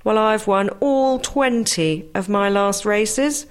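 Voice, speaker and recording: A woman's voice: mid-range voice, slow, clean tone, close to an everyday voice. A woman voicing a polite but smug champion racing greyhound in a joke.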